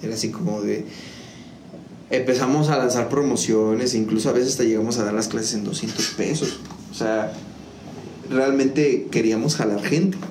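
A man talks through his story as a guest in a casual interview, in a loose, rambling way full of fillers and restarts. His voice sits at an ordinary pitch. The room is echoey, with a faint noise underneath. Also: normal speed, darkish tone. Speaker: music school founder, guest.

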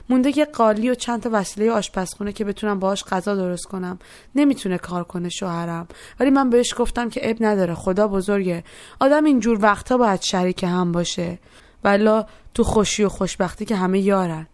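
A woman's voice: medium pitch, a little mellow, no echo, natural voice. A woman voicing a poor, tired young mother who pleads and explains her hardship. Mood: weary.

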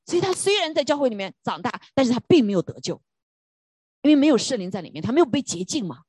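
Husky woman preacher telling a story. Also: on the high side, sing-song, quick pace, a little mellow, dry recording. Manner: emphatic storytelling with rhetorical questions. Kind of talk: sermon.

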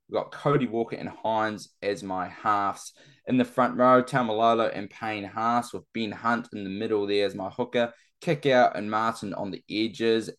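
Male sports-chat guest, lowish pitch, laid-back and slangy.

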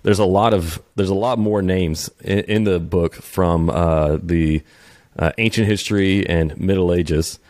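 A man hosting an interview, speaking haltingly with lots of restarts and fillers. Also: low voice, fairly even intonation, a little mellow, dry recording, clean studio sound. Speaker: podcast host. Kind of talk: interview, casual chat.

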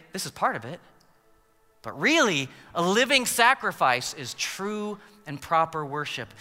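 An American man preaching a sermon with emphatic, repeated phrases, dramatic pauses and a colloquial, humorous touch. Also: high-pitched, sharp tone. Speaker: pastor preaching. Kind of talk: animated sermon with acted-out asides. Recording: long hall reverb, music underneath.

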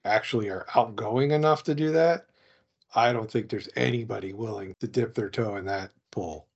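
A man's voice: lowish voice, normal speed, gravelly, slightly rough. A man co-hosting a casual podcast chat who speaks bluntly and lists examples one after another. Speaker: podcast co-host. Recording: dull lo-fi audio.

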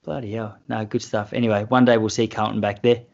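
A man's voice: lowish voice, flat delivery, fast, vocal fry. A man with an Australian accent hosting a casual chat in a matey, informal way. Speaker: podcast host. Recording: dull lo-fi audio.

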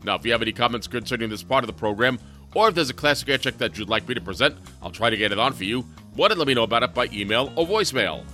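Bright, brisk, animated male radio host. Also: mid-range voice, faint music behind. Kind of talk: radio presenting.

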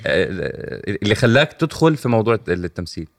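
A man's voice: fairly low pitch, very animated, quick pace, creaky. A man with an Egyptian Arabic accent, co-hosting a casual talk show conversation. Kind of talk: casual chat.

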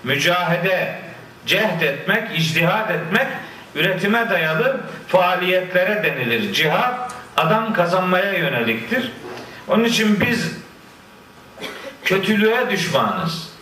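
A man preaching a sermon, quoting scripture in Arabic and explaining it with lively asides. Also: high voice, takes it slowly. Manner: lively, quotes Quran verses in Arabic and explains them. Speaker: Islamic preacher. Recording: echoey room, voice from a distance.

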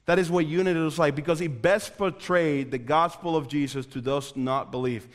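A man's voice: fairly high pitch, fairly even intonation, moderate pace, in a large hall. A young man from the Dominican Republic preaching an earnest youth sermon, repeating phrases for emphasis and speaking straight to the room. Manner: earnest, repetitive emphasis, addresses the room directly. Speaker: youth pastor.

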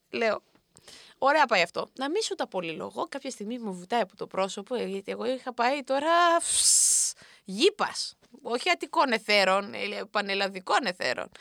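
A young woman hosting a show, telling a funny self-mocking story about a night out in a lively, animated way. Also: medium pitch, no echo, studio quality. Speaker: radio host. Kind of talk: comic storytelling monologue.

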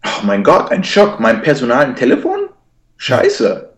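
A man's voice: mid-range voice, huge pitch swings, a little slow. A man telling a personal story in German, sprinkling in English words and restarting his sentences often. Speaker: guest. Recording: echoey room.

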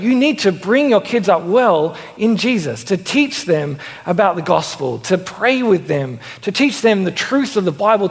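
Young man, preacher, high voice, conversational sermon, long church reverb. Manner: conversational, self-deprecating asides, animated.

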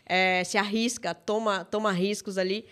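A woman's voice: medium pitch, fairly even intonation, normal speed, a bit bright. A woman in her thirties with a Bahian Portuguese accent, a podcast guest talking casually and reflectively, often tagging sentences with a questioning aside. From Salvador, Bahia, Brazil. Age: 30s. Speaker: podcast guest, startup founder. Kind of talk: casual interview chat.

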